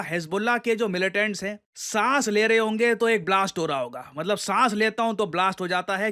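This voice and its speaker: Addressing listeners directly, an Indian-accented man delivers emphatic news commentary that explains events, with English phrases mixed in. His voice is high and sharp in tone.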